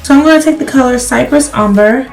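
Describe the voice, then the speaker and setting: A woman beauty vlogger talks casually to her viewers during a makeup tutorial, speaking directly to them in a chatty way. Her voice is high-pitched, quick and gravelly, a little crackly because she's ill and losing it. Faint music plays behind her.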